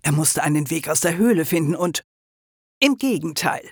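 A man narrating an audiobook in a steady storytelling manner. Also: on the high side, brisk, breathy edge, dry recording, studio quality. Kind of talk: scripted narration.

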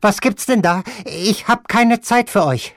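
A man voicing an imperious elderly grandmother at the gaming table in an audiobook, giving shrill, impatient orders. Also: a little slow, no echo, clean studio sound. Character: imperious old grandmother gambler, commanding. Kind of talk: audiobook reading.

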